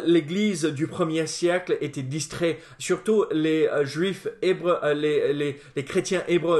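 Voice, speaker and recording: A man preaching a sermon as pastor, speaking with frequent hesitations, fillers and restarts. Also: a little high. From not France. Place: church.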